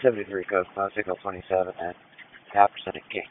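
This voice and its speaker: A man calling in over two-way radio in flat coded phrases, heard through a radio transmission. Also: deep voice, fast talker. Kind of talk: two-way radio dispatch calls. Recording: muffled lo-fi radio.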